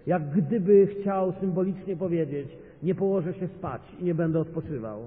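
Impassioned preacher man in an echoing hall. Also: on the high side. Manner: impassioned, building to loud emphatic peaks. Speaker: guest pastor. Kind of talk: sermon. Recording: tinny phone-like sound in a reverberant hall.

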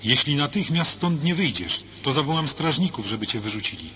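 A man's voice: medium pitch, moderate pace, natural voice. A man voicing an angry, stubborn young male prisoner condemned to death, in a read-aloud story. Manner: shouting, defiant. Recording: dull lo-fi with faint hiss.

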